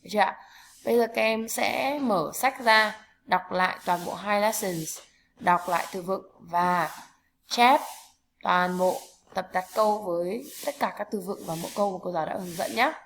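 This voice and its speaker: A woman with a Vietnamese accent teaching an English lesson to children, saying each word slowly and repeating it for pupils to copy. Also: mid-range voice, creaky, fairly bright tone, slight background noise. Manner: slow, carefully repeats words for pupils to copy.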